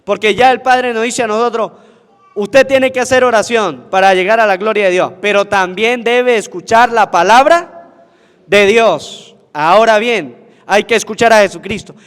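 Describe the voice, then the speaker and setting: A priest preaches at Mass in a high, carrying voice. He keeps asking the congregation questions and answering them himself. The long reverb of the church rings behind him. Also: normal speed, fairly bright tone, clear, resonant tone. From Venezuela. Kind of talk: sermon at Mass.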